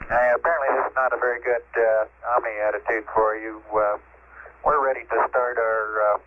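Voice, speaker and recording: A man aboard a spacecraft talking over a two-way radio link, halting, with many fillers and restarts as he reads back instructions. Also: mid-range voice, fairly even intonation. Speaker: spacecraft crew member. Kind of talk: procedural radio exchange. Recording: narrow tinny radio sound.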